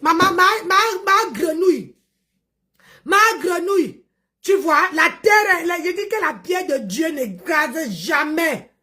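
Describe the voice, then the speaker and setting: A woman with a high voice rants on a livestream. She mocks and confronts, hammers her points by repeating phrases, and often breaks into shouts. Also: lively intonation, takes it slowly. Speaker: livestream host. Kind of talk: livestream rant.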